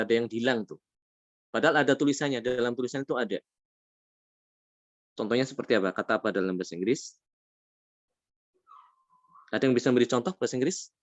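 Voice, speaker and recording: A man teaching a tajweed class, patient, asking his students questions and drawing out Arabic words slowly. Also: mid-range voice, no room sound, highs cut off. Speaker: Quran recitation teacher. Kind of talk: tajweed lesson.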